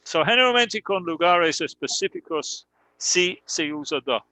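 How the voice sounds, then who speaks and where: Slow, patient male teacher. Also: a little high, lively intonation, bright, forceful tone, no room sound, low-quality recording. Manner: slow, patient explaining with fillers. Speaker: English teacher. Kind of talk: live online English lesson in Spanish.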